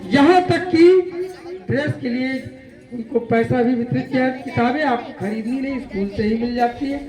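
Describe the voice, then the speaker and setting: A man addressing villagers in a street play for a school campaign, loud and rousing, with call-and-response questions. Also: very high-pitched, moderate pace, echoey room, a crowd in the background, poor audio.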